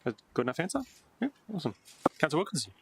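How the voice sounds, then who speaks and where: Fast-talking Australian meeting chair. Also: male voice, fairly high pitch, sing-song, slightly rough. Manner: quick, informal asides. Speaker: committee chair.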